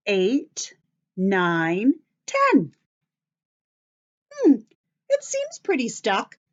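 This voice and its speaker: On a muffled recording, a woman with a mid-range voice leads craft and story time. She walks young children through things in simple steps and asks them encouraging questions.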